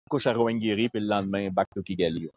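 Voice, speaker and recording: This man has a fairly low voice and talks fast, captured in a dry recording. Originally from Quebec and carrying a Québécois French accent, he appears as a podcast guest, telling travel stories casually and acting out snippets of dialogue with animation.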